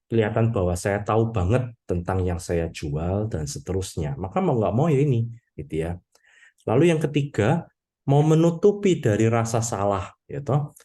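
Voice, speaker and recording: Low, mellow-voiced priest giving a sermon. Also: male voice. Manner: conversational, peppers talk with "gitu ya" and "ya toh"; addresses congregation as "Bapak Ibu".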